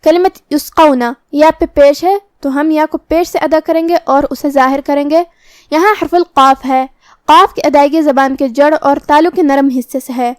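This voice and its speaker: A woman teacher gives a methodical recitation lesson, breaking each word down into its letters and how to pronounce them. Her voice sits high in her range. The sound is dry and close to the mic. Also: fairly even intonation, no room sound. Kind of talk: recorded tajweed lesson.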